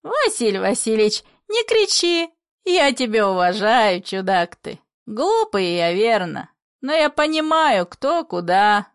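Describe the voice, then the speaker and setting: A woman's voice: on the high side, big pitch swings, unhurried, clean tone, no room sound, clean studio sound. A woman voicing a meek, simple old man who speaks mildly, in a play reading. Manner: mild, pleading, simple.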